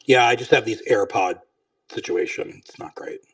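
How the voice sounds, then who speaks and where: Low-voiced man heard over a phone on speaker; gravelly, distant, dry, low-key. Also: normal speed, dry recording. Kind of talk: casual conversation.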